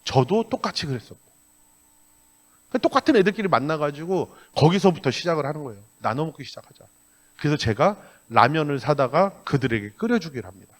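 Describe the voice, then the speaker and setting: A man's voice: fairly high pitch, a little fast. A middle-aged male pastor giving a sermon, telling stories in a blunt, colloquial way and acting out the dialogue. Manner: animated storytelling with acted-out dialogue. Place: church sanctuary.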